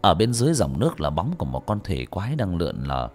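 Brief: male story narrator, lowish voice with lively pitch, faint music behind. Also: quick pace. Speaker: audiobook narrator.

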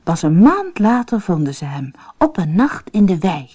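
A woman narrating a fairy tale for an audiobook in a slow, expressive storytelling manner. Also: fairly low pitch.

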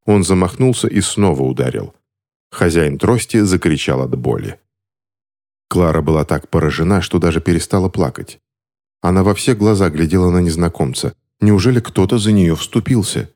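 A man reads a story aloud in a very deep voice. His delivery is expressive, with a lively, wide-ranging pitch that rises and falls with the action. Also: normal speed. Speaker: narrator. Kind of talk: scripted story narration.

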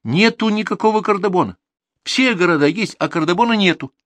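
A man's voice: sits high, expressive, fairly quick, fairly bright tone, no echo, pitched above the performer's own voice. A man voicing a lecturing, insistent schoolboy grandson in an audiobook. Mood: explaining. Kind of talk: audiobook character reading.

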